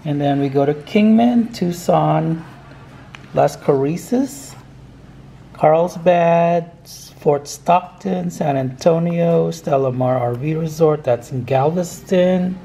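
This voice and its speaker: Sitting at his dining room table, an older man who vlogs about RV travel talks casually to a camera set across from him about planning a road trip. He's slow and opinionated, chuckling now and then, with a fairly high, gravelly, warm voice. The room sounds reverberant, with slight background noise.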